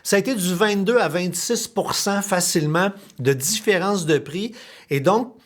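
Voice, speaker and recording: A man with a Québécois accent hosting a podcast, talking in an animated, colloquial way with casual swearing. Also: sits high, moderate pace. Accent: Québécois French. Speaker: podcast host.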